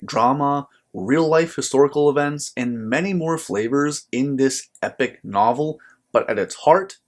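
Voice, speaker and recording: With a medium-pitched voice, the American host of the channel reads a scripted book review for his viewers. His manner is earnest and measured, and he leans on emphatic phrasing.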